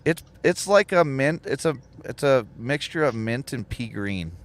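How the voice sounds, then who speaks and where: Expressive and measured, a mid-range male voice belongs to a livestream host who also trains truck drivers. He keeps things chatty, reading out what viewers write and breaking into laughter often.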